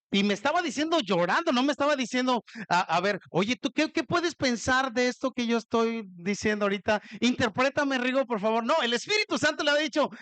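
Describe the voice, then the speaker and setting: Joking Mexican pastor preaching. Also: male voice, sits high, no room sound. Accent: Mexican Spanish. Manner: animated storytelling, jokes with the congregation. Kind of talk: sermon.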